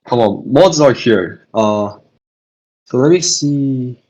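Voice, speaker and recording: A man's voice: medium pitch, animated, takes it slowly, a little mellow, poor audio. A young man hosting an online physics revision session, talking casually, answering chat questions and often repeating and restarting his phrases.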